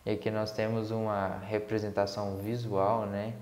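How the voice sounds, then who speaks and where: A man teaching English to Portuguese speakers. He reads the text aloud slowly and explains it in Portuguese. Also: lowish voice, level tone, darkish tone. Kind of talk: guided reading lesson, slow read-aloud. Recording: echoey room.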